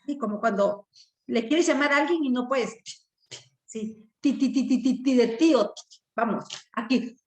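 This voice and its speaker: A woman teaching letter sounds to a young child at home, coaxing and repeating each syllable slowly for the child to copy. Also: fairly high pitch. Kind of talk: early reading lesson for children.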